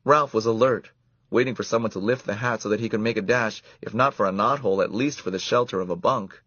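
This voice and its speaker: A man reading a children's story aloud in an expressive, animated way. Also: lowish voice, quick pace, no room sound. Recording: dull lo-fi dry recording.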